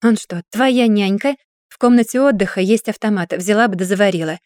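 A woman's voice: mid-range voice, fairly quick, darkish tone, no room sound, studio quality, natural voice. A woman reading a storybook voices an irritable, bossy young man who scolds sharply and with exasperation. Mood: irritated.

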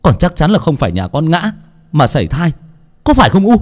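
A male narrator voicing a young husband who confronts his mother, his voice climbing sharply as he shouts. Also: fairly high pitch, huge pitch swings, a little fast, big-room sound, voice pushed up. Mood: furious. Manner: pleading, rising to shouting. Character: young husband, anguished and furious.

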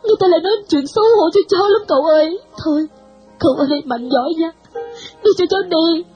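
A woman's voice: extremely high pitch, quick pace, mellow, lo-fi sound, soft background music, pitched above the performer's own voice. A woman voicing a young woman who is crying and pleading as she says goodbye. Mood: tearful. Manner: pleading, sobbing.

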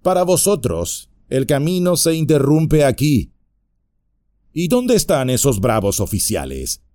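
A man's voice: medium pitch, big pitch swings, measured pace, dark tone, dry recording, pitched above the performer's own voice. A man voicing a big, sneering, brutish ruffian in an audiobook, menacing and mocking. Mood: scornful.

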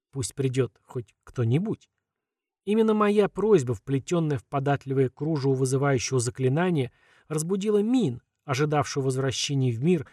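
A man narrating a fantasy audiobook in a calm, measured way, often letting phrase endings fall quiet. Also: medium pitch, no echo, studio quality.

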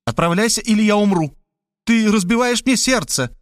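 A man's voice: high-pitched, expressive, moderate pace, no room sound, clean studio sound, voice pushed up. A man doing a nagging pushy old mother. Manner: scolding, insistent, dramatic. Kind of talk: audiobook character voice.

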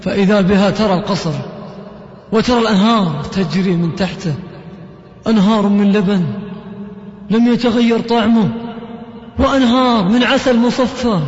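A male preacher tells a story with passion in a sermon and chants verses slowly. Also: high voice, a little mellow. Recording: echoey hall, muffled lo-fi tape.

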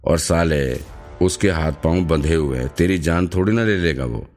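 Gruff jail cop, rough and yelling, very deep, a man reading it, faint music under. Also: moderate pace. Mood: irritated. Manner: yelling from afar, rough slang. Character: gruff male jail policeman.

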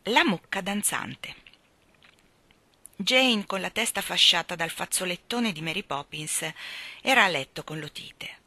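Bright, expressive woman reading aloud. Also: fairly low pitch, unhurried, dry recording. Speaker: reader. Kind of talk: reading a children's novel aloud.

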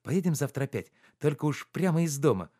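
Male reader doing a lively, teasing young woman for a storybook, raised voice, bouncy. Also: a little high, a little fast, voice pushed up. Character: playful, teasing young woman, carefree and coy.

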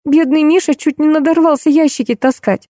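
A woman voicing a shy, blushing young woman who apologizes constantly in a high, chirping voice. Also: steady tone, brisk, warm tone, dry recording, studio quality, natural voice. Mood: fluttering. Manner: breathless, fluttering, apologetic.

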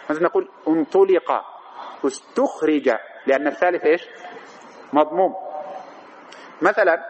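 A man's voice: sits high, dull audio, a little hiss or hum. A man teaching a grammar class who keeps asking questions and then answers them himself. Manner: recites verse and quotes in a chanting tone. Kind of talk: classroom lecture on Arabic grammar.

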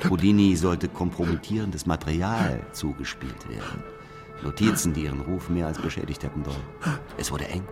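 An actor playing Sherlock Holmes in a German radio play, a smug, coolly merciless detective who lectures and needles in a deliberate, superior way. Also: male voice, rumbling low, over music. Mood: coolly accusing.

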